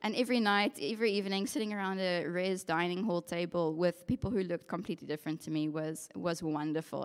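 A young occupational therapist with a South African English accent gives her testimony to a congregation, telling her personal story earnestly and reflectively with frequent pauses on "um" and "yeah". Her voice is low-leaning and clean, carried by the long reverb of a church hall before a masked audience.

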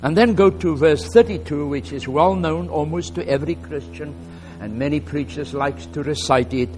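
Music plays in the background as this guest preacher, an Afrikaans-first-language man with a South African accent, delivers his sermon in a slightly high voice. He preaches in a relaxed, halting way with plenty of fillers, raising his volume when reading scripture aloud.

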